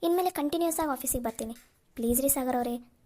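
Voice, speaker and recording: A woman's voice: high voice, quick pace, warm tone. A woman as a fretful young office worker. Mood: worried. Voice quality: pleading, fretful. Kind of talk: cartoon voice acting.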